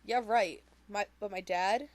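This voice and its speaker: A woman's voice: mid-range voice, unhurried, natural voice. A wisecracking teenage girl in treatment, voiced by a woman reading aloud. She jokes, rambles and restarts her sentences. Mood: wry.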